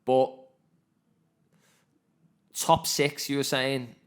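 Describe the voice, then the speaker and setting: A man's voice: mid-range voice, fairly even intonation, very slow, smooth. A man co-hosting a casual football podcast with matey banter. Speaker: podcast co-host.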